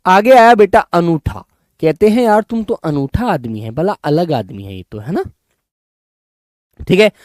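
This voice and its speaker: A man teaching in a live online class, coaxing his students and drilling words by repeating them slowly. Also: a little high, a little mellow, no echo, clean studio sound. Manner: coaxing, addresses students as children and brothers. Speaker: Hindi teacher.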